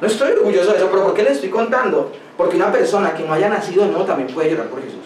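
Man, pastor, sermon, high voice, emphatic rhetorical questions, personal anecdotes, distant mic, roomy echo, faint noise. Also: expressive, very fast, a little mellow.

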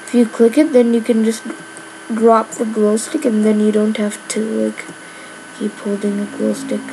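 A woman's voice: on the high side, flat delivery, moderate pace, warm tone, slight background noise, rough recording. A woman giving casual gameplay commentary, rambling with lots of filler words. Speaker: gamer.

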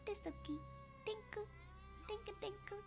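A livestreamer, congested and nasal from illness, chats casually and playfully with her viewers, giggling and affectionate. Her voice is very high-pitched at a normal speed, with music playing underneath.

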